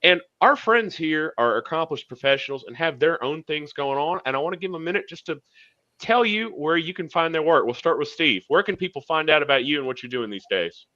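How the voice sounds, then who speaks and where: A man hosts a talk show over a video call, with a bright, forceful voice. He talks in a relaxed, chatty way and drops in fillers. The audio is dry and a little dull. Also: fairly high pitch, a little fast, no echo. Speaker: show host. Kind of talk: casual talk show hosting.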